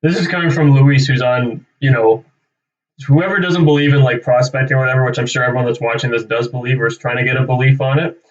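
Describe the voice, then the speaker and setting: A young Canadian man, a realtor hosting a live cold-calling stream, chats casually and off the cuff, rambling, thinking aloud and tagging sentences with "right?". His voice is medium-pitched and steady, and he talks fast. The recording sounds distant, through a slightly dull microphone.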